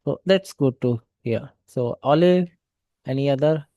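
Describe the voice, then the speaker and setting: Dark-voiced male trainer, dry sound. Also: medium pitch, unhurried, dry recording, dull audio. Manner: explanatory, repeats okay so. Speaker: cybersecurity trainer. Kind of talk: online lecture.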